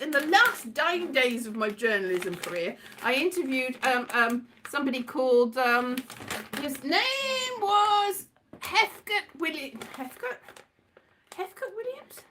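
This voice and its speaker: Her voice is high and fairly bright, with a little hiss or hum in the recording, as this former journalist turned performer and host rambles casually. She comes across giggly, scatterbrained and self-deprecating.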